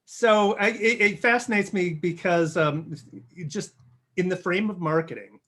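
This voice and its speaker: A man hosting an interview show, friendly and halting, often restarting his questions. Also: high-pitched, fairly bright tone. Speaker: podcast host.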